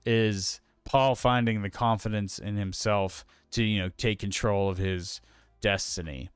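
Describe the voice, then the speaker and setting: Male podcast co-host, rambling and hesitant, smooth voice, dry close recording. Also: lowish voice, fairly even intonation, a little slow, no echo. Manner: rambling, hesitant, many fillers and restarts. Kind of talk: casual film podcast chat.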